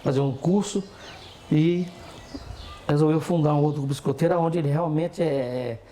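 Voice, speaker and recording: A man's voice: a little high, normal speed, mellow. A man with a Brazilian accent reminiscing casually as an interview guest, often checking in with short tag questions. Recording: faint background noise.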